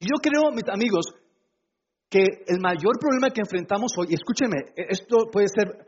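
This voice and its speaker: High-voiced preacher, playful and conversational. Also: male voice, animated, normal speed, husky, muffled recording. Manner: conversational, asks the congregation questions, playful humor. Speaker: pastor. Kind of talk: sermon. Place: church before a congregation.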